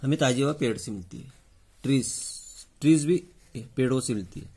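Here a male teacher reviews a test with his class in a warm, gravelly, slightly rough voice of medium pitch. He talks fairly quickly and expressively, restating important points as questions and then answering them on his own.

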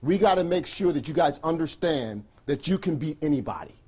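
Higher-pitched man, coach briefing his team. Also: expressive, brisk, a little mellow, slightly rough. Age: middle-aged. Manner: emphatic, clipped instructions with repeated "right?" checks. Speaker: basketball coach. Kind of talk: pregame locker room team talk. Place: small carpeted locker room, indoors.

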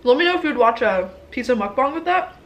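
A young woman with a fairly high voice chats about food with her mouth full, the words a little muffled by what she is chewing. She talks in an upbeat, chatty way, as if filming an eating video at home. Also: expressive, a little fast. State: mouth full while talking. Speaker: mukbang vlogger. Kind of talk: casual chat while eating.

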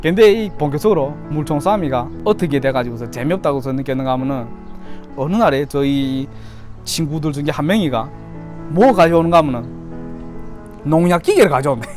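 A man's voice: fairly high pitch, expressive, a little fast, darkish tone, soft background music. A man in his thirties from Yanbian, China, with a Chinese-Korean Yanbian accent, telling stories casually to camera as a YouTuber. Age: 30s. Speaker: YouTuber telling childhood memories.

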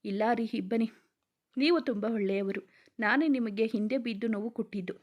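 Lady reading as a sad young guy in love, soft and pleading, kinda high voice. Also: moderate pace, natural voice. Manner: soft, pleading, tearful lines. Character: heartbroken young man in love, gentle. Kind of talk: storybook reading.

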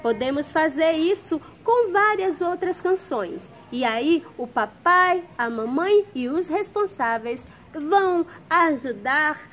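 High-voiced woman teaching kids music. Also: animated, slow, few pauses. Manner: gentle, patient, explains step by step. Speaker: music teacher for young children. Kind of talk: children's music lesson. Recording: noisy background.

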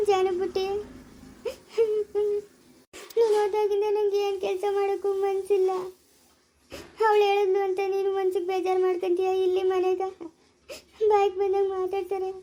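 A woman's voice: extremely high pitch, level tone, brisk, a little mellow, faint music behind. A woman with a Chikkaballapura Kannada accent plays a heartbroken woman who lost her foster daughter, speaking in a tearful, lamenting way in a family short drama. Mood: bitter, tearful.

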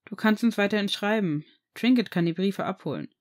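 A woman reading aloud as a calm, stern aristocratic father, speaking in a measured, steady way. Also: mid-range voice, lightly acted.

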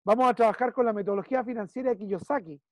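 A man's voice: very high-pitched, racing, dry recording, studio quality. A man with a Chilean accent coaching a client one-on-one, emphatic and repeating key phrases while he checks in. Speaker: business consultant.

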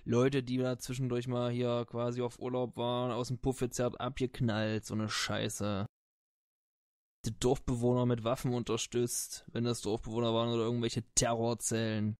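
A brutal, foul-mouthed soldier, played by a man running a tabletop game shrugs off questions with swearing and slang. His voice sits at an ordinary middle pitch. The sound is dry and close. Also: completely flat delivery, normal speed, darkish tone, clear, resonant tone, no echo, natural voice. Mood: scornful. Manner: vulgar, swearing, slangy and dismissive. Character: crude foul-mouthed male soldier under interrogation. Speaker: game master voicing a character. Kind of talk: tabletop role-play in character.

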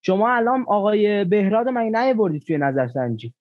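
A man's voice: sits high, expressive, no echo, phone-quality sound. A man playing an online party game, insistently pleading his case. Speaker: game player.

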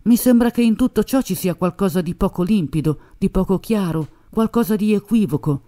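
A woman's voice: mid-range voice, warm tone, lightly acted. Woman voicing a hesitant middle-aged father. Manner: halting, unsure.

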